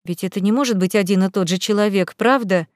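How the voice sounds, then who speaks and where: A woman's voice: mid-range voice, quick pace, dry recording, clean studio sound, lightly acted. A woman voicing Nika, a sulky, spoiled young woman who talks in a snappy, irritable way. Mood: irritated.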